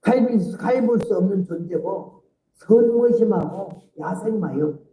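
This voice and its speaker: Animated older woman preaching testimony. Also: medium pitch, measured pace, roomy sound, a little hiss or hum, rough recording. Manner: animated, vivid storytelling with laughs. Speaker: missionary preacher. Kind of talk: sermon testimony.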